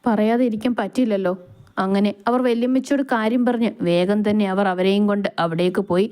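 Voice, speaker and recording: A woman reads a romantic short story aloud at a calm, steady pace. Her voice is mellow and dark. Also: medium pitch, quick pace, smooth. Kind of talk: scripted story narration.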